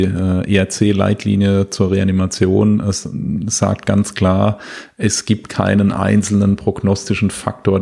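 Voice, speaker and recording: A man talking through medical findings in a casual expert discussion, halting with many fillers and restarts. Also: sits low, dark tone. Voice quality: husky, gravelly. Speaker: medical podcast co-host.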